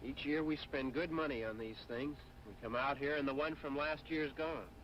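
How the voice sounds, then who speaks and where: A man's voice: medium pitch, moderate pace, highs cut off, lightly acted. Guy playing a teasing young man, needles his scared sister, old film hiss. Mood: grumbling. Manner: mocking, taunting. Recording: hissy old film soundtrack.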